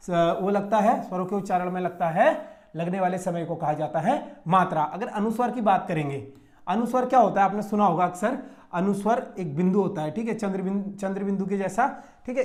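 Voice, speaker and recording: A man's voice: sits high, darkish tone. A man from Uttarakhand teaching an exam-prep lesson in Hindi, explaining step by step and checking in often with his students. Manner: explains step by step, with frequent "theek hai" checks.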